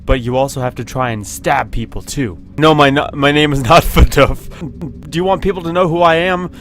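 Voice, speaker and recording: A man giving casual, excitable commentary as he plays a video game at his computer, laughing often and yelping when something happens. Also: mid-range voice. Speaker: gaming video host. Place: at home at a computer with webcam.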